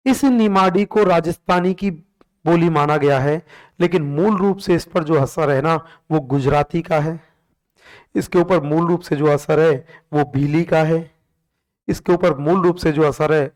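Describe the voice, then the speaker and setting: A man's voice: fairly high pitch, fairly even intonation, measured pace. A man teaching a class, drilling questions and answers over and over and calling on the students to respond.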